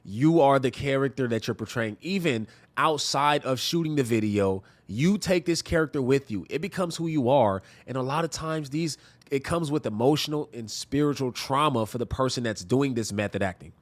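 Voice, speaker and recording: A man's voice: medium pitch, expressive, normal speed. A man hosting a reaction video, commenting earnestly on clips and punctuating points with "okay?". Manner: earnest, preachy, repeats "okay?".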